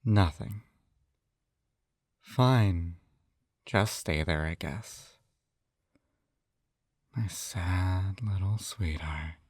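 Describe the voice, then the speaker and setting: A deep, darkish male voice speaks extremely slowly with frequent pauses, playing a possessive, doting yandere captor who hypnotizes and coaxes with a hint of condescension and many sighs. The performer's intimate scripted roleplay is captured dry, with studio quality.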